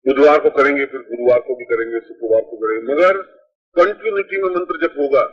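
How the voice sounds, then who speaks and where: A man's voice: mid-range voice, brisk, slightly rough. A spiritual teacher, a man, gives plain, methodical step-by-step ritual instructions, heard from an old worn tape. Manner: plain, methodical, repeats points for emphasis. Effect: old worn cassette tape. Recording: dull lo-fi 1980s tape recording.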